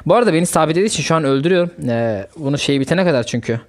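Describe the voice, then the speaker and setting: A young man hosting a gaming channel, chatting casually and reacting excitedly to a mobile fighting game as he plays. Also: on the high side, racing.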